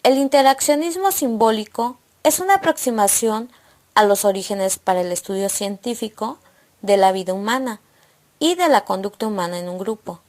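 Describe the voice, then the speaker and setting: A woman narrating a scripted educational lesson, reading points aloud in a steady, listing manner. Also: medium pitch, moderate pace. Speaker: presenter of an educational video.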